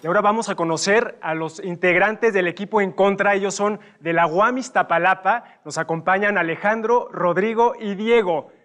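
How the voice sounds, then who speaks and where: High-voiced TV host. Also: male voice, moderate pace, hardly any pauses, fairly bright tone, faint music behind. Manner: enthusiastic, announcer-like introductions. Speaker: TV debate show host. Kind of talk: upbeat studio presenting.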